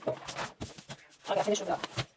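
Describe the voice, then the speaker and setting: Over a noisy background, a young woman slowly works through her history revision notes. Her manner is chatty and self-mocking as she trails off, fixes what she said and throws in wry remarks.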